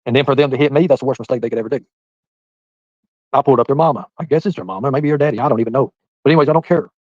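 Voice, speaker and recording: A man in his forties rattles along quickly in a casual live-stream chat, rambling and addressing viewers one by one. His voice sits at an ordinary pitch. The sound is dry and a little dull, like lo-fi stream audio. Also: darkish tone, no echo. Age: 40s. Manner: rambling, talks straight to viewers by name. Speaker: livestreamer reading chat.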